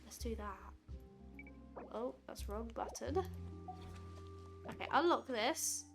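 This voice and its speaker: A woman streamer with a stuffed-up nose chats casually over her gameplay, reading menu items aloud and cheering at every small win. Her voice is a little higher than most, and game music plays steadily behind her. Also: animated, takes it slowly, gravelly. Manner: reads the game's menus aloud and cheers at small wins. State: blocked nose.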